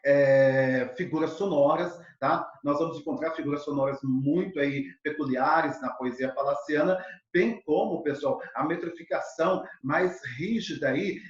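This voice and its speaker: A male literature teacher gives a lively exam-prep lesson, full of fillers and speaking straight to his students. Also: on the high side, a little slow. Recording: echoey, dull lo-fi room sound.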